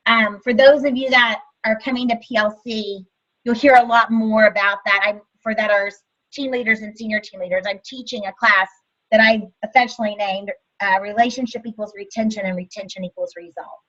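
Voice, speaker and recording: A woman's voice: a little high, fairly even intonation, moderate pace, a bit bright, dull audio. A woman, a sales field manager, giving an upbeat, chatty team training talk.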